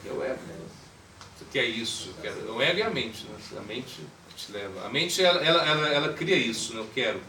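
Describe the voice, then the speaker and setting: With a medium-pitched, pushed and bright voice and lively intonation, a man plays a swami giving a conversational spiritual talk a little fast. He asks the audience questions and acts out voices. The mic sits far off in a noisy, echoey room.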